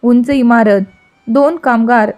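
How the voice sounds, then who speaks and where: High-voiced woman storyteller. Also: fairly even intonation, slow pace, darkish tone, faint music behind. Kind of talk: storybook narration.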